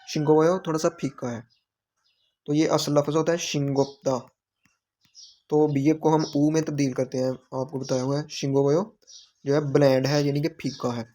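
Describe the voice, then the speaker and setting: Guy walking through exam questions slowly, kinda high voice, repeats stuff a lot. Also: mellow. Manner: patient, repeats phrases and word meanings. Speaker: Korean language teacher. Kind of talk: explaining exam questions in a lesson.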